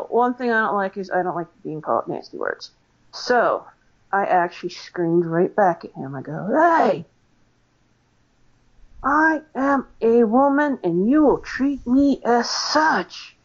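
An American woman chats through her stories as an interview guest, filling her talk with ums and false starts. Her voice sits at an ordinary middle pitch. The recording is somewhat dull and lo-fi. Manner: chatty, many fillers and restarts. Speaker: paranormal investigator guest. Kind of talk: casual interview storytelling.

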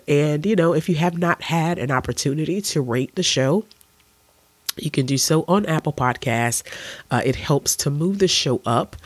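A man hosting a casual solo podcast while under the weather, speaking in a nasal, stuffy voice and giving earnest, gentle advice. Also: mid-range voice, no room sound. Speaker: podcast host.

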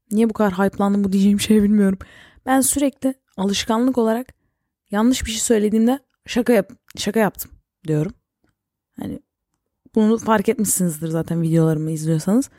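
A young woman hosting a casual solo podcast, rambling and self-mocking with quick jokey asides. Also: mid-range voice, warm tone, no room sound, studio quality. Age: young adult. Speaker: podcast host and YouTuber.

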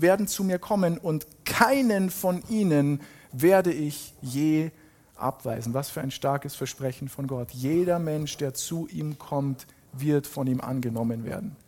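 Guy reading the bible out loud, kinda high voice, leans hard on key words then chats about it. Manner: reads scripture slowly with emphatic rises, then comments casually. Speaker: preacher.

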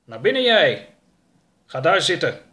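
A man's voice: on the high side, lively intonation, normal speed, a bit bright, voice pushed up. Man voicing a bossy middle-aged male boss, curt orders, storybook. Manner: commanding, curt. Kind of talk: audiobook character voice.

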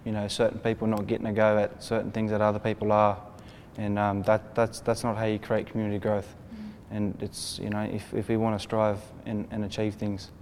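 A man's voice: on the low side, completely flat delivery, brisk, hardly any pauses, a little mellow, slight background noise. A young Australian man of twenty-five speaking hesitantly on a youth panel. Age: 20s. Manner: hesitant, many fillers. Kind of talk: casual discussion.

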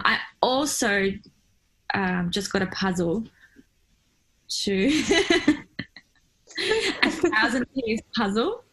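A woman from Iraq, speaking as a photographer guest at a medium pitch. She talks through her answers in a chatty, reflective way, full of fillers and quick laughs. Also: a bit bright, rough recording. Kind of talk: casual interview chat.

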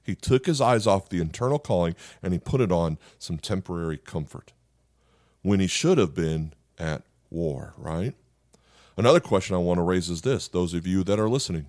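A man preaching a sermon while sick, animated and conversational, acting out voices from the story he reads. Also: deep voice, no room sound, studio quality. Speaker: pastor.

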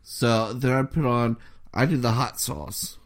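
A man's voice: medium pitch, steady tone, measured pace. A man co-hosting a casual food-review chat, enthusiastic and rambling. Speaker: podcast co-host.

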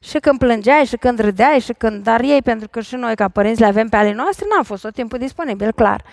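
A middle-aged woman therapist speaks from a stage with a bright, high voice. She talks in a lively way and keeps asking the listeners questions. The sound is dry and close. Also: dry recording. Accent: Romanian. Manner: lively, questioning the audience directly. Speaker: imago couples therapist. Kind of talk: talk on stage before an audience. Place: large concert hall stage.

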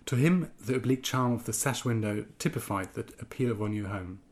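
A man in his twenties or thirties, German by origin, has a medium-pitched voice and brisk delivery. Appearing as a guest writer, he answers interview questions hesitantly, often restarting and saying "um," and then reads aloud from a piece he wrote.

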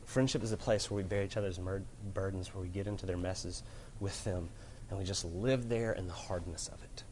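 A man with a fairly low voice delivers an earnest sermon to a room full of people. He leans into loud emphasis, then drops to quiet, grave tones, and a faint hum of room noise sits under his voice. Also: fairly quick. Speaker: preacher. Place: room with an audience.

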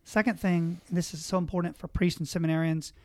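Earnest priest giving advice. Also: male voice, a little high, steady tone, quick pace, no room sound, studio quality. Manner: earnest, exhortative, lists points. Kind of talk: conversational advice on a panel.

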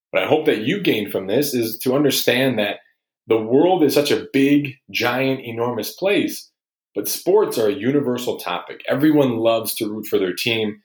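A man hosting a podcast, opening the episode in a chatty, informal way. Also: lowish voice. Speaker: podcast host. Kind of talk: casual podcast intro. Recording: roomy echoey recording.

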